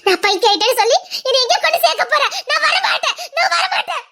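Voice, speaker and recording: An actress voices a grieving young mother who has lost her child, her voice pitched very high and shrill. She has a Tirunelveli Tamil accent, and she breaks into bitter, tearful laughter and shouting as she accuses the people around her. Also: fast talker. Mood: hysterical, sobbing. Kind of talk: emotional web drama acting.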